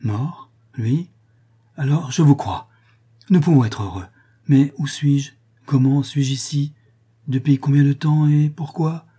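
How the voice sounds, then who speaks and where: A man reading a novel aloud and voicing a feverish, bewildered older father who speaks in broken, halting phrases. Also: medium pitch, mellow, husky, voice pushed up. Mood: recollecting. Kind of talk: audiobook character voice.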